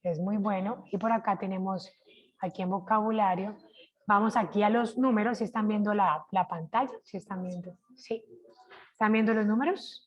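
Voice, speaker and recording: Una mujer de Colombia con acento colombiano da una clase de francés en línea, pronuncia despacio los ejemplos y pregunta a menudo si la siguen. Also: female voice, mid-range voice, muffled recording. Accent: Colombian Spanish. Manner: slow, careful pronunciation of French examples; checks in with frequent "¿cierto?". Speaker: French teacher. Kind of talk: online class, sharing screen.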